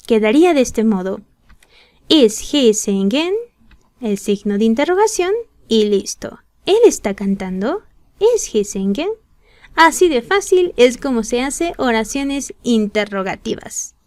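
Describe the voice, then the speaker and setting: A woman teaching an English lesson in a patient, step-by-step way, reading each English example slowly and clearly. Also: a little high, darkish tone, dry recording, clean studio sound. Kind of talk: slow explanatory lesson narration.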